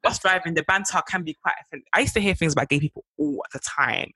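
A woman's voice: on the low side, fast, bright, forceful tone, slightly rough, dry recording. A young woman, chatting casually as a podcast co-host, often laughing and trailing off mid-sentence. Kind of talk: casual chat.

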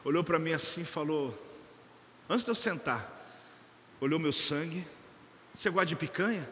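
A man preaching a lively sermon as a church leader, joking with the congregation and acting out members and a doctor. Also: a little high, normal speed, in a large hall, slight background noise. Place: church service.

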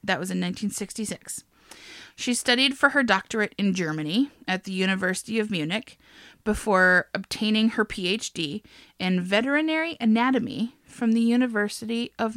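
A woman's voice: mid-range voice, fairly bright tone, no room sound, clean studio sound. A young woman co-hosting a podcast, casually retelling a life story with frequent laughs and swearing. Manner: laughs often, swears, chatty. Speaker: podcast co-host. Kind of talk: casual chat, telling a biography.

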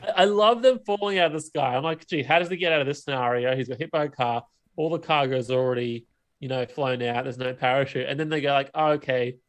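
A podcast co-host chats casually about movies and games. He speaks quickly in a medium-pitched voice.

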